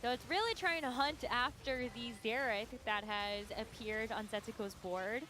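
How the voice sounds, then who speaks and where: A woman's voice: a little high, moderate pace. A woman doing live esports commentary, thoughtfully weighing the players' choices. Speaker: esports caster.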